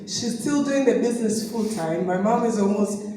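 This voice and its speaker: Her voice is fairly high and mellow, at a normal speed: she's a middle-aged woman from Tanzania, a business distributor giving a guest talk full of personal anecdotes and frequent laughter. She's getting over a sore throat. The sound comes from a distance in an echoey hall, with slight background noise.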